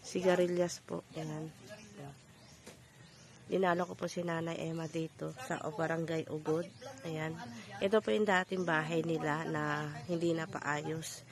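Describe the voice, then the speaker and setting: A woman's voice: low-pitched, little pitch movement, measured pace. A woman vlogger politely narrating on location, explaining what she shows like a tour guide. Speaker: charity vlogger. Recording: crowd chatter in background.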